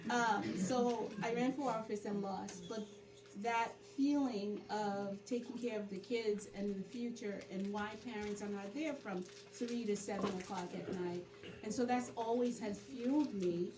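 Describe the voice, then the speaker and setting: In this interview conversation, a middle-aged woman born in Haiti recounts her experiences as a community organizer at a measured pace and medium pitch. She becomes lively whenever she quotes her own words. The recording is roomy, picked up from a distance, with noise behind her.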